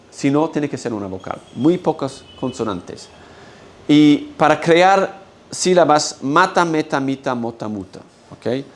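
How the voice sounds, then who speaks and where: Man, Spanish, lecture delivery, mid-pitched voice, keeps checking listeners follow. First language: English. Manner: explains patiently, checks in with "¿no?" and "¿ok?". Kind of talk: university-style lecture. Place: lecture hall.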